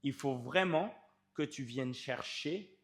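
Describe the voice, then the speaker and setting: A man's voice: medium pitch, takes it slowly, a bit bright. A man, a fitness coach explaining training to the viewer in an informal, emphatic way, stretching key words.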